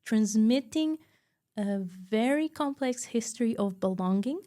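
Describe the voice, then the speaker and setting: A woman's voice: on the high side, animated, unhurried, dark tone. A woman from Macau, a heritage researcher, talking thoughtfully in an interview and searching for her words. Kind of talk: reflective interview talk.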